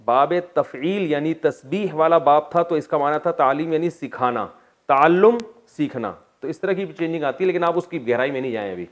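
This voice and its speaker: A man teaching a Quran class in Urdu with a Pakistani accent, slowly drilling grammar forms and adding quick, joking asides to his students. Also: fairly high pitch, animated. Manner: jokes with students. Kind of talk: classroom lecture on Arabic grammar.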